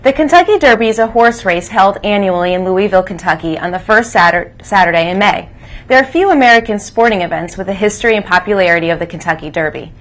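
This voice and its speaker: A woman's voice: medium pitch, expressive, fast talker, a bit bright. Female school news presenter, mid-range voice, reading from a script as morning co-host. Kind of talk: scripted announcements, read aloud. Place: school broadcast.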